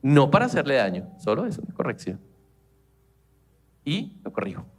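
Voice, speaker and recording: A man with a Colombian accent giving a lively, conversational sermon as a church leader, acting out everyday family exchanges. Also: medium pitch, normal speed.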